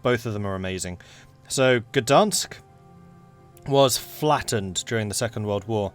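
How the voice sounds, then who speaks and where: A man's voice: fairly low pitch, unhurried, faint music behind. A young man with an English accent, casually chatting with viewers and reading game events aloud as he plays. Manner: relaxed, rambling, reads game events aloud. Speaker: streamer.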